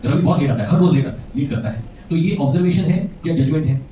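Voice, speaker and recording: A man's voice: fairly high pitch, fast talker, distant mic, slight background noise. A male relationship coach giving a seminar lecture, quizzing the audience and often chuckling. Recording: echoey, muffled hall recording from afar.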